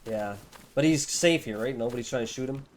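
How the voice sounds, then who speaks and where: A man's voice: medium pitch, a little fast. Friendly young man streaming a game. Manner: friendly, chatty with strangers. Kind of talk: casual chat while playing a game.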